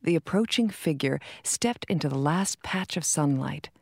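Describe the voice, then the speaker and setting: A woman reading a short romantic story aloud in a calm, measured narrating voice. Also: sits low, vocal fry, no echo, studio quality. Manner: calm, measured reading with soft quoted dialogue.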